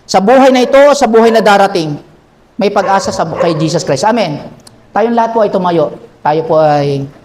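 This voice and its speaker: A male pastor with a notably high voice, preaching in a church. He tells the story with lively emphasis and quick changes of tone, then settles into a calmer, earnest appeal. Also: background noise. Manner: animated storytelling, acts out characters. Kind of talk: sermon.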